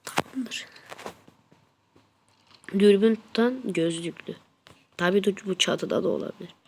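Woman, gaming host, stuffy congested nose, gravelly fry, casual play-by-play, muttering then shouting. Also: mid-range voice, a little slow. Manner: excitable, muttering then yelling at the game. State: congested with flu, blocked nose. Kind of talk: casual gameplay commentary.

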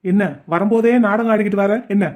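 A man voicing a gruff, stubborn middle-aged village husband in a cartoon, who scolds in quick, curt retorts. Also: high voice, steady tone, a little mellow, close to an everyday voice. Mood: scolding. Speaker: cartoon character. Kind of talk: cartoon voice acting.

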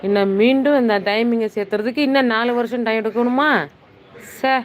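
A woman's voice: a little high, steady tone, fairly quick, rough recording. A middle-aged woman hosting a casual live stream, chatty and teasing, full of exclamations as she reads viewers' comments into her phone. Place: hill town in the Nilgiris.

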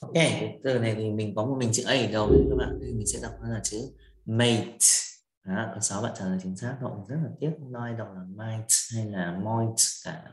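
Low-voiced man teaching in an echoey room. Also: fast, few pauses. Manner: patient, explains step by step, checks with "right?". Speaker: English pronunciation teacher. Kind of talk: online quiz review lesson. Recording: echoey room with faint music.

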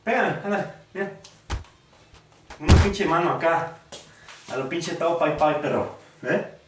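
A man from Mexico with a northern Mexican accent, trash-talking loudly in slang while playing a VR boxing game. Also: on the high side, measured pace. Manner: rowdy slang-heavy trash talk, shouting at the game. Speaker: gaming youtuber. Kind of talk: excited let's-play commentary. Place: room at home, playing a VR game. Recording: echoey room, distant from the mic, faint noise.

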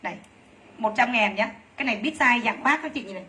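A woman selling clothes on a livestream, talking rapidly and gushing over each piece while teasing her helpers. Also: fairly high pitch, bright, forceful tone. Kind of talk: live sales pitch.

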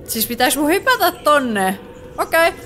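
A woman's voice: high voice, big pitch swings, fairly bright tone, a little hiss or hum. A woman with a Finnish accent giving let's play commentary on a horror game, chatty and jumpy, with startled exclamations. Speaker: gaming YouTuber.

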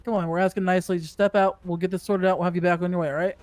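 Guy playing a chill but pushy cop in a game rp, kinda high voice, dry mic, coaxing. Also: level tone, racing, a little mellow, dry recording, close to an everyday voice. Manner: informal, coaxing. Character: casual, persistent male American police officer. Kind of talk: improvised game role-play.

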